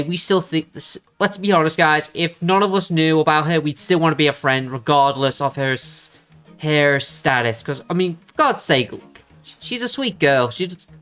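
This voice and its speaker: Woman doing a lets play, kinda low voice, chatting to viewers, game music playing. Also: a bit bright. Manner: thinks aloud, addresses viewers as guys. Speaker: game streamer. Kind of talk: let's play commentary, reading dialogue aloud.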